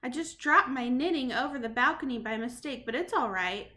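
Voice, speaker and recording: A loving old grandmother with a calm, tender way of speaking, as a woman reading a storybook puts her on. Her voice sits high and bright. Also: brisk. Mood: composed. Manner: warm, affectionate. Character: loving, composed elderly grandmother.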